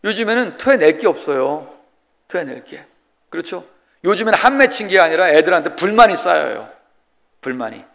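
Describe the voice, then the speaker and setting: Older male pastor in his 60s, from Chungcheong, fairly high voice, folksy joking sermon, questions the pews, church-hall reverb. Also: sing-song, a little fast, creaky, a bit bright. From Korea, Chungcheong region. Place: church sanctuary.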